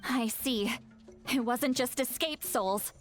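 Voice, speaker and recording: An actress playing a composed adult woman leader in a video game, speaking with calm authority. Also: fairly high pitch, slow, soft background music. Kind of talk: game voice acting.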